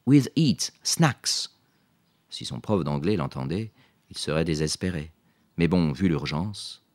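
A man narrating a story in a scripted, lively reading. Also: extremely low pitch, moderate pace. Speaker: audiobook narrator.

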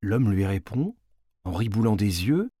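Man narrating a storybook, husky, lively pitch, dry close recording. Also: normal speed, no echo. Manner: expressive, varied delivery.

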